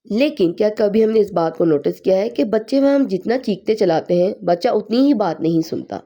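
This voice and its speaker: A woman with a slightly hoarse voice from a sore throat, calmly explaining parenting advice point by point in a home vlog. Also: mid-range voice, muffled recording. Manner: calm, explanatory advice-giving, pausing on numbered points. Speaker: parenting vlogger.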